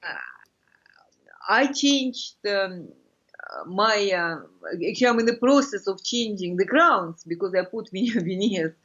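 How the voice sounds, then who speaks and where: Middle-aged woman, Russian accent, unhurried and hesitant, searching for words, muffled lo-fi video call. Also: medium pitch, a bit bright. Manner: halting, searching for words, fragmented phrases. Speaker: interview guest. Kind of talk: unscripted interview explanation. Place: furnished room indoors. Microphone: video call computer microphone.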